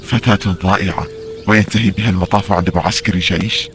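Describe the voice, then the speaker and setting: A man's voice: deep voice, steady tone, quick pace, soft background music. A man playing stern ancient Roman soldiers and officers in an audio drama. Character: gruff Roman soldiers and commanding officers, adult men.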